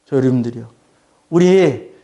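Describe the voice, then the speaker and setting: A man's voice: mid-range voice, moderate pace, dark tone, muffled recording. A male pastor preaching a sermon, emphatic and repeating his phrases.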